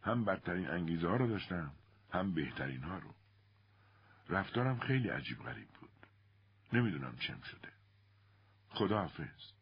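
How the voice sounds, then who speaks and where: A man voicing a weary, gentle young man back from war in a storybook reading, speaking in a subdued, halting way. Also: low-pitched, big pitch swings, highs cut off, slight background noise.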